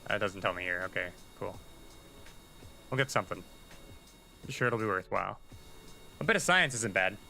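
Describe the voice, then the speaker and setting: A man's voice: fairly low pitch, lively intonation, moderate pace, gravelly, pauses often, sharp tone, faint music behind, low-quality recording. A man giving casual, chatty commentary while livestreaming a game, thinking aloud and muttering asides to himself. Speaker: livestreaming gamer.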